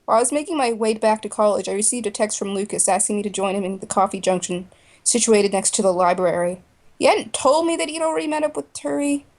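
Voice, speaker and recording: A woman narrates a first-person story for a voice drama. She reads in a plain, even way, at a middle pitch for a woman. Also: fast talker. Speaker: narrator and main voice actor.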